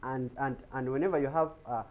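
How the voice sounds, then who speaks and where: A man's voice: mid-range voice, steady tone, fairly quick, dull audio. A man giving an explanatory talk on health in a TV studio, often repeating words as he searches for them. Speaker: guest speaker on health.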